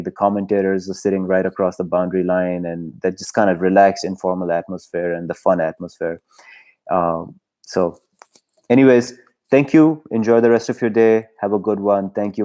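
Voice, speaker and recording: Male livestream host, lowish voice, loose rambling delivery full of fillers and restarts. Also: mellow. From Pakistan. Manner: rambling, hesitant, heavy on fillers, often laughs. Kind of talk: casual solo livestream chat.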